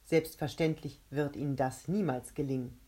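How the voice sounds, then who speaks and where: A woman voicing a gloating male monster made of a huge mouth, who taunts and shouts triumphantly. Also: extremely low pitch, steady tone, normal speed, breathy edge.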